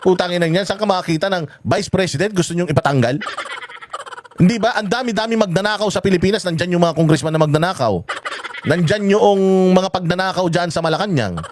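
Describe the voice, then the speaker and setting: A high-voiced man rants about politics, cursing and tripping over his words as he builds up steam. Faint noise and the odd fowl call sit behind him. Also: expressive, brisk. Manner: heated, cursing, many restarts and fillers. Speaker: political vlogger. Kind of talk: angry political commentary.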